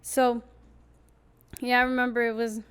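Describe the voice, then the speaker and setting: A young woman hosts a podcast in easy conversation, her voice a touch high. She tells stories with lively energy and acts out the other people's lines. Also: unhurried, smooth. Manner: lively storyteller, acts out quotes. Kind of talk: casual chat.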